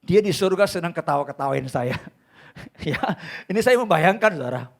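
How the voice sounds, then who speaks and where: A middle-aged man, a pastor telling a personal story in a live church sermon, emotional and animated, often addressing the congregation directly. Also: fairly high pitch, moderate pace, vocal fry. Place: church sanctuary.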